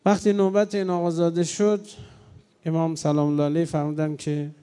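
A man preaching a mourning sermon, swinging between loud cries and low, grieving tones. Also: level tone, clear, resonant tone. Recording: long hall reverb.

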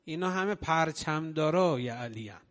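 A man's voice: a little high, animated. Male preacher, sermon storytelling, fervent swells, echoing hall. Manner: impassioned, rising to loud emotional peaks, slowing on key phrases.

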